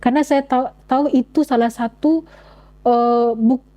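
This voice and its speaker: Woman, young adult, interview guest, earnest halting testimony, mellow voice. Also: sits high, fairly even intonation, poor audio. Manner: earnest, halting retelling with frequent restarts.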